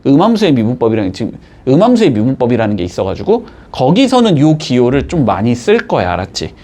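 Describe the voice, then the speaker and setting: A man teaching a math class, explaining step by step and checking in with his students with quick rising tags. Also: medium pitch, wildly swooping pitch, warm tone. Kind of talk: classroom lecture.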